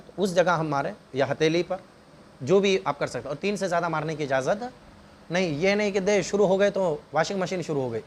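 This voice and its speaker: A man teaching a religious lesson who explains step by step, keeps asking the listeners rhetorical questions, and acts out scolding and advice in quoted voices. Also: high-pitched.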